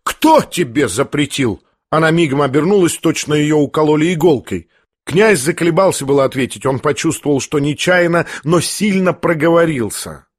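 A man narrates a literary audiobook in a fairly high, husky voice. His reading is measured and expressive. The recording is dry and close. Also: no room sound.

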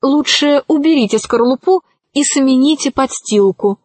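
A woman reading the lines of a brisk, commanding female bird-creature scientist in a storybook, with sharp, curt speech. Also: high voice, no room sound.

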